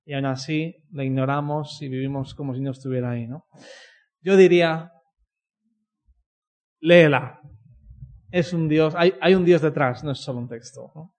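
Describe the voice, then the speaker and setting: A man's voice: mid-range voice, fairly even intonation, a little fast, a little mellow. A man from telling a personal faith story in a conversational way, often ending his sentences with a questioning "no?". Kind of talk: personal testimony talk.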